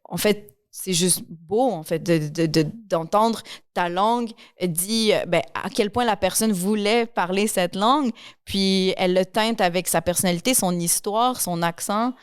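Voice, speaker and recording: A woman's voice: medium pitch, measured pace, clear, resonant tone, no echo, studio quality. A young woman from Quebec with a Québécois accent, hosting a podcast interview and talking in a chatty, enthusiastic way with frequent restarts. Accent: Québécois French. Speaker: podcast host. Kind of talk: casual interview conversation.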